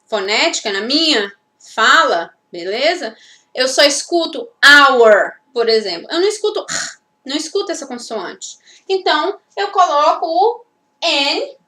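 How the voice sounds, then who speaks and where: Brazilian woman teaching english grammar, high bright voice, echoey room, sounds a bit far from the mic. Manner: explains step by step, with frequent checking tags. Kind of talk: classroom-style grammar lesson.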